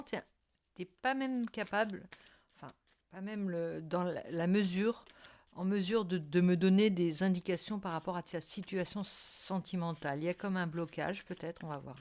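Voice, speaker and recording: A woman's voice: fairly low pitch, normal speed, a little mellow. A woman hosting a casual tarot card reading for viewers, speaking hesitantly as she searches for her words. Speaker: tarot reader and channel host.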